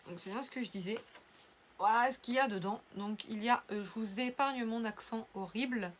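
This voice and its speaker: A woman's voice: fairly high pitch, fairly quick, slight background noise. Chatty young woman unboxing, rambling. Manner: chatty, rambling with many fillers and restarts. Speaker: unboxing vlogger. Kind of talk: casual unboxing chat.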